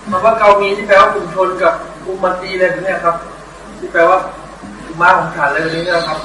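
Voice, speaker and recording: A man's voice: sits high, fairly even intonation, fast talker, bright, forceful tone, echoey room, poor audio. A man among the students asking a hesitant question about word meanings.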